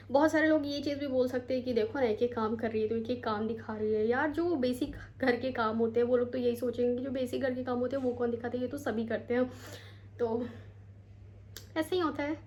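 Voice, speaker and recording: A woman's voice: high voice, darkish tone, a little hiss or hum. A young woman from India chatting casually to her camera at home as a vlogger, rambling and mixing English words into her talk, tired and sore from a long day. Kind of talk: casual vlog chat to camera. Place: home, bedroom.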